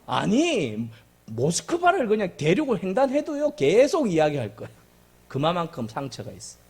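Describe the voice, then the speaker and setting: Male pastor, sermon. High voice, big swings in pitch. Emphatic, repeats lines, jokes with the congregation. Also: moderate pace, slightly rough. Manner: animated and emphatic, with jokes and repetition.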